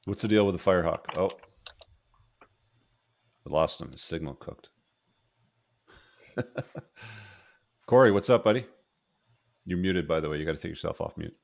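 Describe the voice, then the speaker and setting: Man, very deep voice, laid-back host, slangy and swears casually. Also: moderate pace, gravelly, pauses often. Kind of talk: casual group video call.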